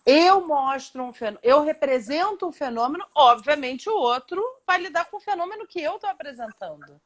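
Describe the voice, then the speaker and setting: Emphatic high-voiced Brazilian woman. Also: expressive, moderate pace. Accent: Brazilian Portuguese. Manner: emphatic, explaining at length, frequent "né?". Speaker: Gestalt therapist, host. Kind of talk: live online discussion. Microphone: video call.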